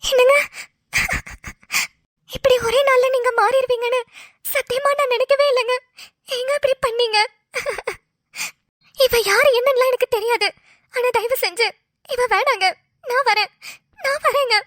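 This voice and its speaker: A weepy young wife, voiced by a woman in a cartoon. Her voice is very high and bright, shaky with sobs, and it sounds dry and close. She pleads, anxious and hurt. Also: steady tone, normal speed, long pauses, no echo. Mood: tearful. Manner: sobbing, pleading. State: crying. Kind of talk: cartoon voice acting.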